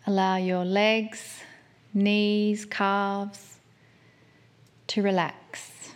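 Woman doing guided meditation, mid pitch, slow and soft, soothing w lots of pauses. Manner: soft, soothing, gentle phrasing with long pauses.

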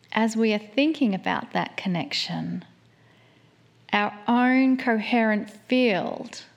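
Brief: female meditation guide, very unhurried, soft and soothing delivery with long pauses. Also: medium pitch.

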